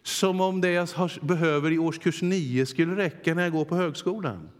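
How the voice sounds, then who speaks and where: A man preaching a sermon in earnest, with dramatic pauses, voicing God's words to his listeners. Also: on the high side. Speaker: pastor. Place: church hall. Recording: long hall reverb.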